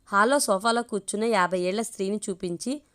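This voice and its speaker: A woman storyteller reading a romantic family story aloud in a steady, expressive way. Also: mid-range voice, fast talker. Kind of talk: storybook narration.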